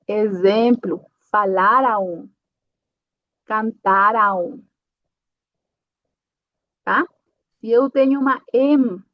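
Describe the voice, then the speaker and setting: A woman teaching pronunciation at a very unhurried pace, her voice sitting fairly high. She spells out sounds one by one and checks in after every point. The sound is muffled and dull, with no room echo. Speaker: language teacher. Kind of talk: slow explanatory lesson.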